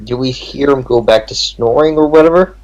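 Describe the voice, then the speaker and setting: A man's voice: mid-range voice, a little fast, gravelly, darkish tone, rough recording. A man chatting casually as a player in a tabletop role-playing game.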